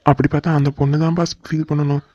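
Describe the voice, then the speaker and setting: A man's voice: a little high, little pitch movement, racing, darkish tone, dry recording, lightly acted. A man voicing a cheeky young male assistant in a cartoon drama, teasing his boss. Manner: teasing, playful. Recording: dull lo-fi recording.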